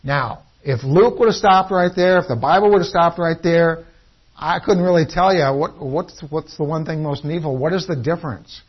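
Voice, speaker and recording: A man's voice: fairly high pitch, normal speed, husky. A man preaching a sermon in an earnest teaching tone, often restarting his sentences. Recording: dull lo-fi recording.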